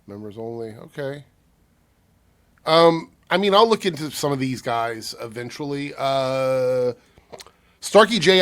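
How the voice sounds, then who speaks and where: Guy w a cold, kinda breathy, casual youtube q&a talk, thinks out loud. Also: mid-range voice. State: under the weather with a cold. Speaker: YouTube commentator. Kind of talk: casual talk answering viewer comments.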